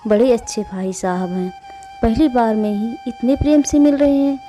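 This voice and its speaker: A woman's voice: fairly high pitch, moderate pace, warm tone, faint music behind, close to an everyday voice. A woman voicing a simple, uneducated village man who greets people innocently and kindly. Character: simple-minded village man, cheerful and naive.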